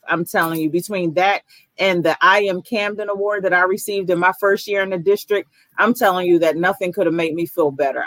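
A woman's voice: medium pitch, a bit bright. A woman hosts an online chat, enthusiastic and slangy. The sound is dry and close, with no room echo. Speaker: host. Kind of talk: casual online talk show chat.

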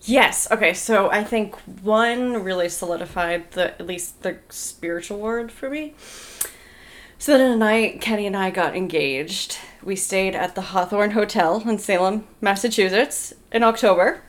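A woman's voice: mid-range voice, unhurried. Earnest young woman telling stories. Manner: earnest, filler-heavy storytelling. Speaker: podcast guest. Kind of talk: casual chat.

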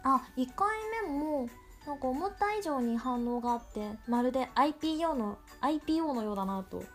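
On her solo podcast, a woman with a cute, girlish, anime-style voice chats casually and rambles playfully, poking fun at herself. Her voice is high-pitched, animated and fairly quick, with faint music in the background.

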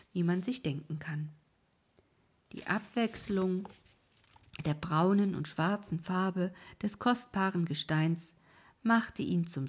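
A woman narrating an old fairy tale in a soft, hushed, mostly whispered storytelling voice. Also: lowish voice.

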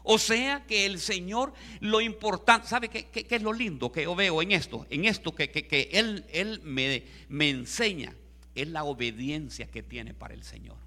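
High, forceful male preacher. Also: unhurried. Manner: emphatic, repeats words, calls listeners "brother"; leads the congregation in repeating phrases. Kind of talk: sermon with storytelling.

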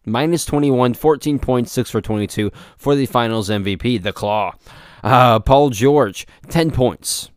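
A man's voice: mid-range voice, a little slow, smooth, dry recording, studio quality. A young man hosting a solo sports podcast, giving opinionated takes and often stumbling and repeating himself. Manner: opinionated, repetitive, stumbles over words. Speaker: podcast host.

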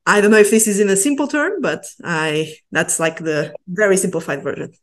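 A woman's voice: medium pitch, brisk. A woman in her thirties from Portugal, a researcher patiently explaining her science in an interview, with small hesitations. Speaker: postdoctoral researcher, guest.

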